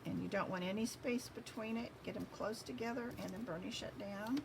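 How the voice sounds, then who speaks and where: A woman's voice: mid-range voice, fairly quick, vocal fry, background noise. A woman hosting a craft tutorial, giving step-by-step instructions while she works with her hands.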